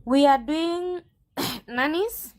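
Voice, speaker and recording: A woman's voice: sits high, extremely slow, a little mellow. A woman, a recruitment agent, answering in a heated interview with assertive, combative replies and repeated phrases.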